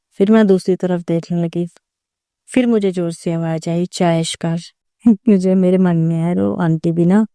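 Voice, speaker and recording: Young woman telling her story slow and earnest, super mellow voice, a bit low, dry close sound. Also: dry recording. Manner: earnest, reflective, with pauses and restarts. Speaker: devotee sharing a personal story. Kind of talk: personal testimony, slow storytelling.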